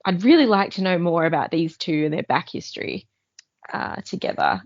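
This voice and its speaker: Co-hosting a podcast, a woman chats casually and enthusiastically about books in a sing-song voice on the low side, at normal speed. The recording is dry and dull, band-limited, with no room sound.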